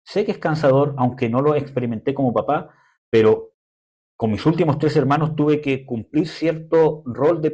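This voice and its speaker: A young man preaching a sermon in a conversational way, often pausing with fillers. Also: a little high, a little mellow. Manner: conversational preaching, frequent "¿cómo se llama?" fillers.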